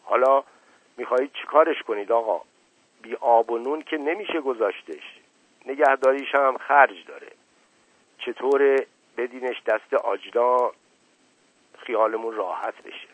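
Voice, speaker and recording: A man's voice: mid-range voice, lively intonation, slightly rough, no room sound, voice pushed up. A man voicing an older male servant who rambles, hesitates and stammers a pet phrase, in a story reading. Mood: folksy, evasive. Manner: repeats stammering catchphrase, hesitant "ah, ah". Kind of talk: audiobook reading. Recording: tinny lo-fi radio broadcast, dry.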